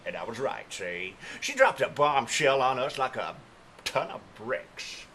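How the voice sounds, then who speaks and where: A man plays a hardboiled noir detective narrating a sketch, in a tough-guy drawl that ends lines on "see?". His pitch rises and falls widely. A faint hum sits behind him. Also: big pitch swings, unhurried, pushed and bright. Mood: wry, hardboiled.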